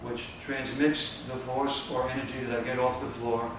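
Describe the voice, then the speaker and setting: Here a mid-range male voice belongs to a tai chi instructor giving plain, patient spoken guidance as he demonstrates, pausing between short phrases. He's well away from the microphone in a very reverberant space, over a steady noise hiss.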